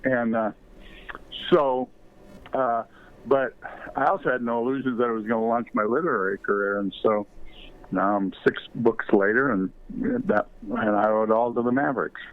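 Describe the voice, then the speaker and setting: A man's voice: medium pitch, steady tone, normal speed. Older male guest, anecdotal storyteller, loose and digressive, phone-quality audio. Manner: rambling anecdotal storytelling with many fillers. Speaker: interview guest, former ballplayer and author. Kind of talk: storytelling in a podcast interview. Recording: tinny phone line.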